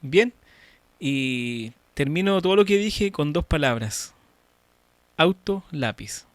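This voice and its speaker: A man with a Chilean accent teaching an online church course, talking directly to students in a lively, demonstrative way over a video call. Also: a little high, takes it slowly, no echo. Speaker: church course instructor and moderator.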